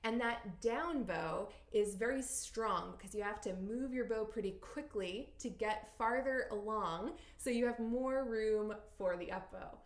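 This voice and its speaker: A woman teaching fiddle technique, explaining clearly and counting beats aloud. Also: fairly high pitch, measured pace, hardly any pauses, roomy sound. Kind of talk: instructional tutorial.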